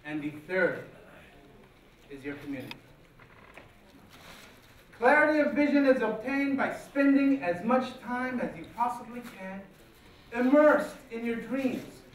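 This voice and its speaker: A man delivers a formal motivational address on stage with a high-pitched voice. His delivery is slow and rehearsed, broken into measured phrases with weighty pauses. The big hall around him echoes heavily. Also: lively intonation. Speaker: guest speaker at a speech competition. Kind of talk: formal motivational speech, public oratory. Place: large auditorium stage, indoors. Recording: very echoey hall, distant, faint noise.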